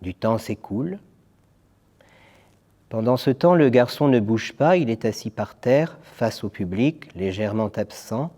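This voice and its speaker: Mellow French man reading slowly. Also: mid-range voice, animated. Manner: slow, measured, hushed reading. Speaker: reader. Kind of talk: reading a theatre text aloud.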